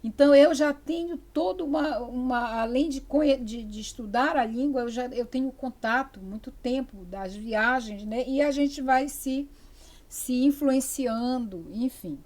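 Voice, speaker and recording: A woman's voice: sits high, measured pace, a little mellow. An older woman from the interior of Amazonas with a Brazilian Amazonas accent, giving a lecture in a chatty, digressive way full of fillers and restarts. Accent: Amazonas interior Brazilian Portuguese. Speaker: university lecturer. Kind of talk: spoken lecture.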